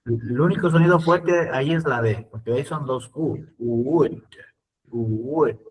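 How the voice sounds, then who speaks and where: A man teaching an online English class, speaking slowly and repeating words for his students to copy. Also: a little high, far from the mic, slight background noise, low-quality recording.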